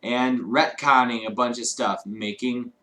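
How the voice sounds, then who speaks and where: Co-hosting a livestream from a home studio, a man from Chicago, United States, rambles through casual chat, swearing freely and laughing a lot. He speaks unhurriedly in a mid-range voice that is pushed and bright, with fairly even intonation, on a low-quality recording.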